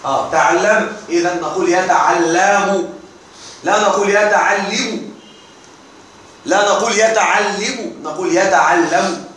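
Speaking at normal speed with hardly any pauses, a fairly high-voiced man with a fairly bright tone runs a grammar lesson in a classroom. He poses questions to the class and answers them himself. The recording is distant and strongly reverberant, with faint noise beneath.

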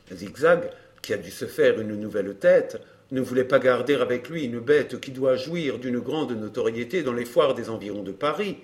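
A man reading a calm young gentleman in an audiobook, explaining in a measured way. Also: medium pitch, lightly acted.

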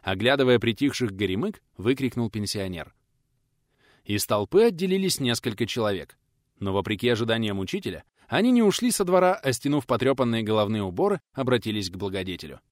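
A man reading an audiobook aloud with a lively, animated pitch. He drops into rustic, old-fashioned character voices for the dialogue. The recording is close and dry, with no room sound. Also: fairly quick, no room sound. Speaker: audiobook narrator. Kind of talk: audiobook narration with acted dialogue.

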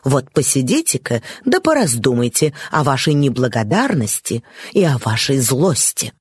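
A woman's voice: a bass voice, very animated, moderate pace, husky, no room sound, studio quality, voice pushed down, heavily acted. A woman reading a story aloud, voicing a prim, stern servant woman who scolds a child. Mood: scornful.

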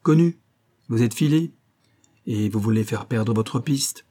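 A man's voice: mid-range voice, unhurried, mellow, natural voice. A man reading an audiobook, voicing a shrewd, sly Parisian cab driver who turns knowing and conspiratorial.

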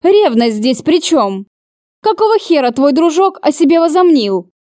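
A woman's voice: sits high, sing-song, moderate pace, dark tone, no room sound, studio quality, voice pushed up. A woman voicing a brooding, furious young man. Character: angry jealous young man, brooding love interest. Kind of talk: audiobook character voicing.

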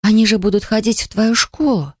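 A woman's voice: medium pitch, fairly even intonation, brisk, no room sound, clean studio sound, voice pushed up, close to an everyday voice. A woman reading the part of a curious young woman teasing and prying at a friend with eager questions. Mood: delighted.

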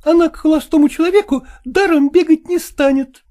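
A man's voice: very high-pitched, fairly quick, warm tone, pitched above the performer's own voice. A man voicing a jealous, tearful woman who presses her lover with reproachful questions, reading an audiobook.

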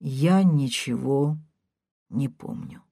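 Woman voicing a numb quiet man of forty. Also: low-pitched, lively intonation, slow, husky, no room sound, clean studio sound, full character voice. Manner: quiet, subdued.

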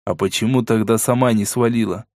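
Brief: a gruff wary man, curt and wry, lower pitch, dry studio audiobook read, by the narrator himself. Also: fairly even intonation, a little fast, darkish tone, no echo, natural voice. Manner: curt, low and sardonic. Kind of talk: audiobook character voice.

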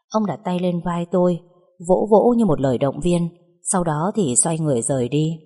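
A woman narrating a dramatic story in the first person, steady and expressive. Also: lowish voice. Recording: long hall reverb.

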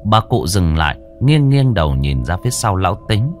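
A man narrating a ghost story with a dramatic, drawn-out delivery. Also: sits low, very animated, darkish tone, faint music behind.

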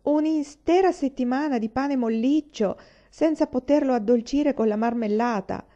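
A woman reading a children's novel aloud with steady narration. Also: sits high, normal speed, dull audio. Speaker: audiobook reader. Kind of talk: storybook reading.

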